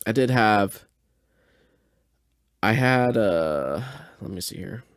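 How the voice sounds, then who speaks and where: Here the tipsy podcast host, his voice on the low side with lively intonation, takes it slowly while hesitantly thinking aloud in a relaxed, rambling reaction to audio. The studio sound is clean, with no room sound.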